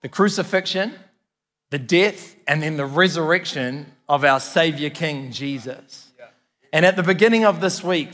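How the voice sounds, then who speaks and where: Speaking in a high, slightly bright voice, a New Zealand-accented pastor addresses his congregation in a sermon. He's earnest and emphatic, leaning on repeated phrases, and the recording carries a long hall reverb.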